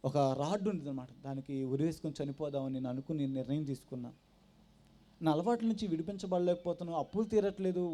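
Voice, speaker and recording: A man giving his personal testimony at a church gathering, telling his story with animated storytelling and acting out the voices of the people in it. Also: a little high. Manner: animated storytelling that acts out quoted dialogue. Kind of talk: personal testimony told to a congregation.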